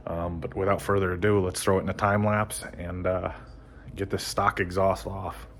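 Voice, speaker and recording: A man casually talking through motorcycle work in his garage, relaxed and rambling with many ums. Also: low voice, moderate pace, heavy background noise. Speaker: motorcycle vlogger. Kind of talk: casual how-to narration.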